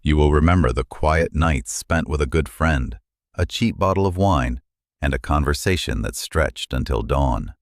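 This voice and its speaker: A man with an extremely deep, low voice narrates a script in a solemn, contemplative way. The sound is close and completely dry, with no room around it. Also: normal speed, dry recording.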